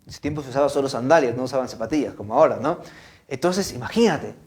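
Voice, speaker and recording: A man with a Peruvian Spanish accent gives a children's religious lesson in an animated storytelling way, often adding "¿no?" and restarting his words. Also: medium pitch, fast talker. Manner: animated storytelling, frequent "¿no?" and "¿ah?" tags. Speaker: catechist. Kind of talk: children's catechesis talk.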